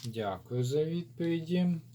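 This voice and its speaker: A man with a Ukrainian accent doing a rune reading, thinking aloud as he lays out and explains the runes, with many drawn-out fillers. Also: fairly high pitch, expressive, dark tone, a little hiss or hum. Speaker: rune reader. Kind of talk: casual spoken rune divination.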